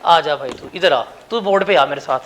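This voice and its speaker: A male teacher runs his classroom in a high, bright-pitched voice. He teases and coaxes his students, quizzing them on the lesson and calling them up to the board. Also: normal speed, highs cut off. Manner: teasing, coaxing students to the board.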